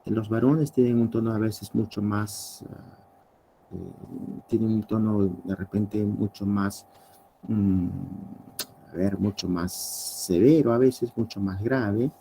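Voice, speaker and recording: A man's voice: fairly low pitch, fairly even intonation, slow pace, warm tone, slight background noise, poor audio. A male teacher lecturing a class, explaining step by step and often ending points with tag questions.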